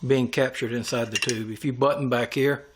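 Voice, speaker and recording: A man with a steady, mid-range voice speaks at normal speed over slight background noise. He is an airgun tuner giving a hands-on machining tutorial, describing each step as he works.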